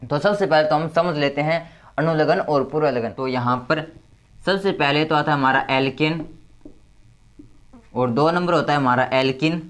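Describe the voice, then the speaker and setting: A male tutor explains chemistry step by step in a slightly high voice. He repeats his key terms and slows down to count items aloud one by one. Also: a bit bright.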